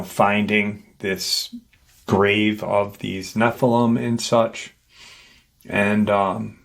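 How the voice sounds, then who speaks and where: A man retelling a paranormal encounter account in unscripted speech, with frequent fillers and restarts. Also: on the low side. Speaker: paranormal story narrator.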